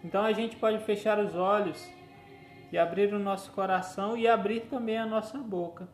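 A man preaching a teaching sermon, gently instructive and often checking in with his listeners. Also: high-pitched, fairly even intonation, moderate pace. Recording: echoey room with faint music.

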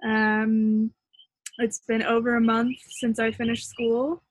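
A woman's voice: on the high side, level tone, takes it slowly, poor audio. A woman in her twenties, a podcast guest speaking from home, talks casually, laughs often and pokes fun at herself. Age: 20s. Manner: self-deprecating, laughing often.

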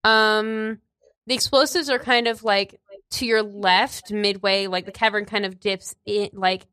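A woman game master casually describing scenes in a tabletop game, halting as she thinks aloud. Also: mid-range voice, fairly even intonation, bright, forceful tone, clear, resonant tone, dry recording.

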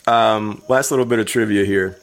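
A man's voice: fairly low pitch, steady tone, normal speed. A man co-hosting a casual movie chat, teasing his partner in a dry way as he shares trivia. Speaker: podcast co-host.

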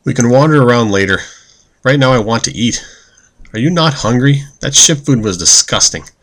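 A man's voice: mid-range voice, lively intonation, normal speed, fairly bright tone, voice pushed up, close to an everyday voice. A man voicing an impatient, sarcastic young man who talks in curt, pushy lines, read in an audiobook.

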